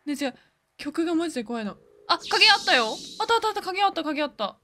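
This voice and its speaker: In casual game commentary, a woman playing on camera scares easily and keeps blurting startled exclamations and repeating words. Her voice is extremely high and sing-song, fast, with a sharp tone.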